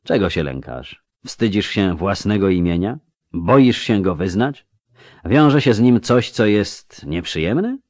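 A man voicing a stern, commanding middle-aged emperor who asks curt, sharp questions. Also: lowish voice, expressive, slow, dry recording. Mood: quietly remorseful. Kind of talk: audiobook character voice.

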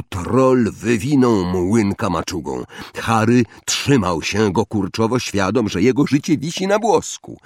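Husky-voiced male storybook narrator. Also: lowish voice, dry recording, clean studio sound. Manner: expressive, dramatic storytelling. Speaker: audiobook narrator.

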